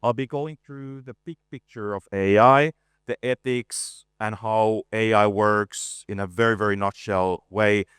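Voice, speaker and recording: A man in his forties giving a conference presentation, relaxed and self-deprecating, with frequent hesitations and a voice worn from talking a lot. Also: lowish voice, unhurried, clear, resonant tone, no room sound, studio quality. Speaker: conference speaker, art director. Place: conference stage.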